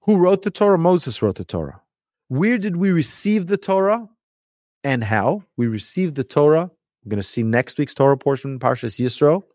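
A man teaching religion like a rabbi, telling stories emphatically with rhetorical questions and deliberate repetition. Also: mid-range voice, very animated, darkish tone, no room sound, clean studio sound. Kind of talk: lively religious lecture with storytelling.

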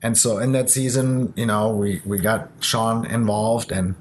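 A man's voice: lowish voice, slight background noise. Earnest man, English his third language. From born in Japan, raised in Germany. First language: not English. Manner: earnest, halting with fillers. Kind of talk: testimony in casual conversation.

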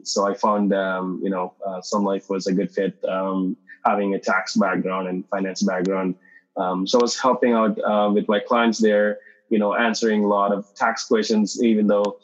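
A man from Sri Lanka, whose first language is not English, speaks as a podcast guest in a low voice. He talks haltingly, with many "um"s and restarts. The sound is slightly muffled. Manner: hesitant, many fillers and restarts. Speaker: guest, startup founder. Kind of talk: podcast interview.

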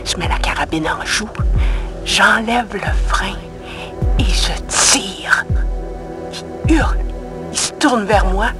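Actress doing a hunted québécois woman, clipped tense lines, slow, music loud behind. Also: mid-range voice, close to an everyday voice. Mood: tense, cold. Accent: Québécois French. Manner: terse, tense, clipped fragments. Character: hunted young woman, tense then coldly calm. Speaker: narrator-protagonist of an audio drama. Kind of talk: intimate first-person radio drama narration. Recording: clear music under the voice. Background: music score.

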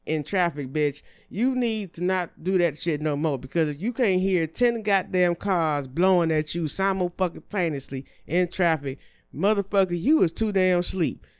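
A man hosting his own show, delivering a profane comedic rant with exasperated, high-pitched outbursts. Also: measured pace, clear, resonant tone. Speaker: host.

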